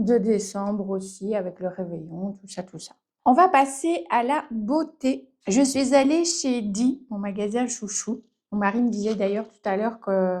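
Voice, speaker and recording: A woman's voice: mid-range voice, dark tone. A woman from France chatting casually in her vlog, full of fillers and self-mocking laughs. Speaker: vlogger.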